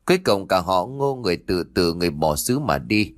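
Brief: gruff proud village elder, read by a man, dismissive, brisk delivery, low voice. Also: sing-song, no room sound, studio quality. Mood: grateful. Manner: brusque, dismissive.

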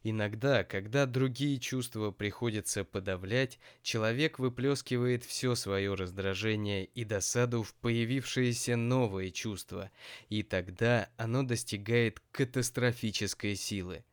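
A man reading audiobook narration in an even, measured way. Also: fairly low pitch, clean tone, no echo, studio quality. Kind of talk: scripted narration.

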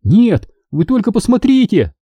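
A man voicing an eager, insistent young boy who shouts and pleads in a high voice. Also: huge pitch swings, measured pace, breathy edge, no echo, highs cut off, full character voice. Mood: excited.

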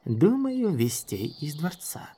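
A male narrator voicing an enigmatic sorceress who speaks calmly and unhurriedly. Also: a little high, husky, voice pushed up, exaggerated voice. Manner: calm, unhurried. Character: cool, enigmatic female sorceress.

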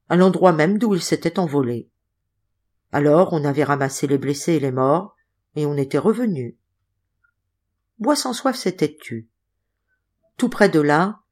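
A woman reads a classic novel aloud in a measured, expressive storytelling manner. Her voice sits on the low side. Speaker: audiobook reader. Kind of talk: literary audiobook narration.

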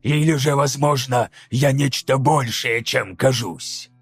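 Мужчина озвучивает древнего двуглавого демона-стервятника: хриплый, медленный, зловеще торжественный, аудиокнига. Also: male voice, mid-range voice, slightly rough, no room sound, soft background music. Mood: grave, ominous. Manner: slow, grave, hissing pronouncements. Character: ancient hunched two-headed vulture demon, solemn.

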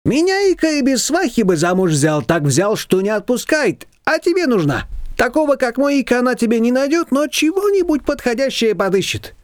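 Storybook figure: man voicing a meddling, domineering neighbor lady, high, lively, pushy. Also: dry recording, studio quality. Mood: bossy. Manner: pushy, scolding, rapid-fire demands. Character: bossy loud middle-aged female neighbor, matchmaking meddler.

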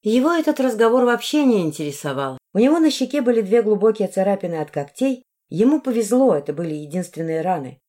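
Mellow-voiced woman narrating an audiobook. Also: mid-range voice, sing-song, fast, hardly any pauses. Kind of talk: first-person audiobook narration.

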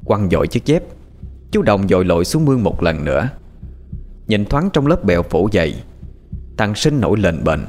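A man narrating a scripted story in an animated, expressive way. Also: lowish voice, normal speed, long pauses.

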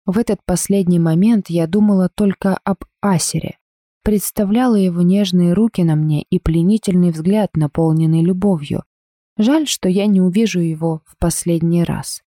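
Low, mellow woman storyteller. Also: no echo, studio quality. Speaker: narrator. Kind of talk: first-person story reading.

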